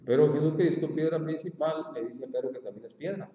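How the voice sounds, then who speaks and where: A man's voice: on the high side, a little fast, mellow, highs cut off. Man teaching Bible in an echoey hall. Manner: plain, repeats points, many fillers and "¿ya?" checks. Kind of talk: informal Bible class.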